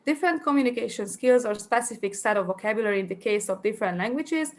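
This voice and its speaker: Speaking quickly with lively intonation and a fairly high voice, a Hungarian woman presents at an academic conference. She hesitates a lot, restarting and using fillers as she thinks out loud.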